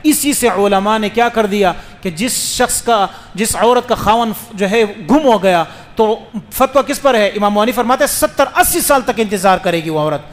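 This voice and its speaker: A man's voice: high-pitched, few pauses, long reverb tail. A man giving a religious lecture as a mufti, questioning his listeners and explaining rules patiently. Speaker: mufti preacher.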